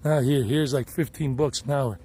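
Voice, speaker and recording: A man's voice: mid-range voice, fairly even intonation, moderate pace, dark tone, a little hiss or hum. An American man vlogging outdoors on a hilltop trail, chatty and rambling, talking into a handheld camera. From United States. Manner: chatty and rambling, with frequent restarts. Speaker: vlogger and tour guide. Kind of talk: casual hiking vlog.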